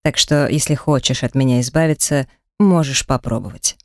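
A woman voicing a gruff, intense adult male shapeshifter lover in an audiobook, speaking low and breathily with a teasing edge. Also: normal speed, darkish tone, dry recording, clean studio sound. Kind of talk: audiobook character reading.

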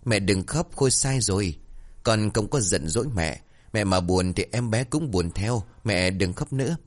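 A man's voice: lowish voice, animated, normal speed. A man voicing a grown man with a child's mind, who talks in a childish, pouting way. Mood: pleading.

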